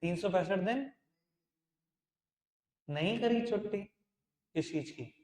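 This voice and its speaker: A man's voice: sits high, lively intonation, slow pace, a little mellow. A man teaching accounts in a live classroom lecture, chatty and familiar with his students, mixing in English terms. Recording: echoey classroom.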